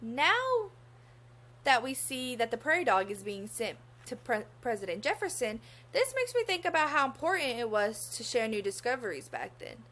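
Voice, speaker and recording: Her voice is a little high, sing-song and fairly bright as this young woman expressively reads a story for children. Like a teacher, she pauses to put questions to her young audience.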